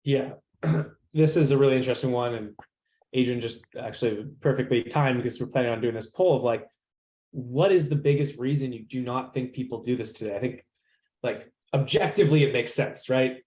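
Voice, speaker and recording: A panel moderator hosts a discussion in an informal, conversational way, thinking aloud and throwing out rhetorical questions. His mid-range voice is a little fast and a little mellow, and the recording sounds roomy and echoey.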